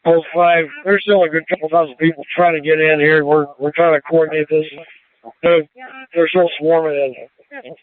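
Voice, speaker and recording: A man's voice: on the high side, flat delivery, moderate pace. A man working as a security post officer, giving clipped, matter-of-fact reports over a two-way radio. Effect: heard over a two-way radio. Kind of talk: radio dispatch traffic. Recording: tinny dry radio transmission.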